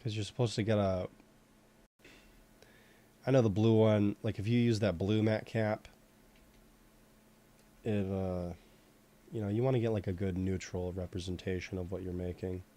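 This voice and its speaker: Male host, low and mellow, loose rambling chat full of fillers, casual swearing. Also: little pitch movement, normal speed, long pauses. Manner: rambling, heavy on fillers like "you know" and "like". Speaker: host sculpting in 3D software. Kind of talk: casual chat while working.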